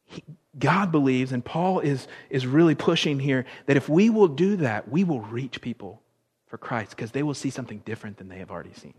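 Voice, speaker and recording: A male pastor preaching a sermon, animated, with big swings in loudness and drawn-out words for emphasis. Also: medium pitch, slightly rough. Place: church worship hall. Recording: long reverb of a large hall.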